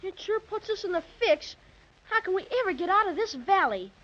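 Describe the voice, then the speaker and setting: Casting: adventurous kid boy, piercingly high, lively swings, old-time radio serial. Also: a little fast. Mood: worried, curious. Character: excitable, adventurous young boy. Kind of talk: 1930s children's radio serial acting. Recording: muffled 1930s radio recording.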